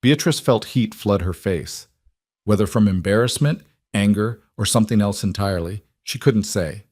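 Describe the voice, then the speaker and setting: Low-voiced man narrating a western tale. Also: normal speed, a little mellow, dry recording, studio quality. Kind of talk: scripted narration.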